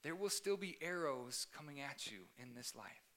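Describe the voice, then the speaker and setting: A man's voice: on the high side, animated, moderate pace, fairly bright tone. A young man giving an earnest sermon as youth pastor, stressing points by repeating them. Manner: earnest, emphatic, repeats key phrases. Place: church youth service.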